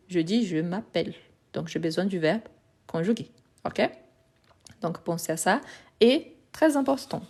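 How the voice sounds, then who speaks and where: A woman's voice: on the low side, darkish tone. Patient woman teaching French grammar. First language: Portuguese. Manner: patient, explains step by step, repeats examples. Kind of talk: live grammar lesson.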